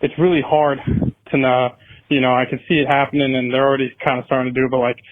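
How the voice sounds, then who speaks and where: A man's voice: medium pitch, little pitch movement, fast. A young American man calling in to a podcast, rambling casually and swearing. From United States. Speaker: caller. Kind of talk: phoned-in voicemail question. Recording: tinny phone line.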